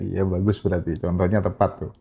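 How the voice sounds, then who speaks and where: A man hosting a podcast interview, giving brief affirmations and gentle follow-up questions. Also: low voice, level tone, moderate pace, gravelly, husky, lo-fi sound. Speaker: podcast host. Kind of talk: casual interview.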